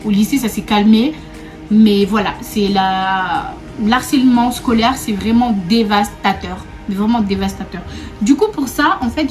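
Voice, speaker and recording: A young woman from Réunion tells a story to her camera in a loose, chatty way, and her voice sits a little higher than most. She circles back over her own words, laughs easily and keeps talking straight to her followers. Quiet music plays underneath. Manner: chatty and repetitive, often laughing, calls viewers 'mes go'. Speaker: vlogger. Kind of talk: casual storytime chat to camera.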